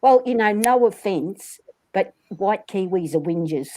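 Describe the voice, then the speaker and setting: A woman's voice: medium pitch, expressive, measured pace, mellow. An Australian woman telling funny stories in casual chat on a video call, laughing often and acting out the voices she quotes. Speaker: livestream host.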